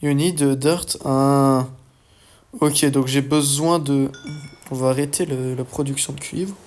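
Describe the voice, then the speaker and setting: A young man giving casual let's-play commentary, excitable and swearing often as he talks to his viewers. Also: mid-range voice, slow, faint music behind. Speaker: gaming YouTuber.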